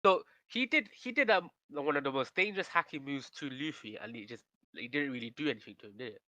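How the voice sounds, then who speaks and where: A man co-hosting a casual podcast, retelling a story in a rambling, animated way full of slang. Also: medium pitch, fast, no echo, muffled recording. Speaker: podcast co-host. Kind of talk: casual chat.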